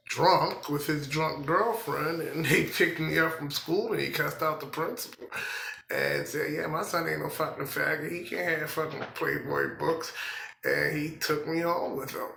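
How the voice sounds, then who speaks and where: Philly man, raw gravelly voice, unhurried, cursing, personal testimony, echoey room. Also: on the high side, sharp tone, a little hiss or hum. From Philadelphia, US. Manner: halting and profane, many fillers. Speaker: person telling his life story. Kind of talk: personal storytelling.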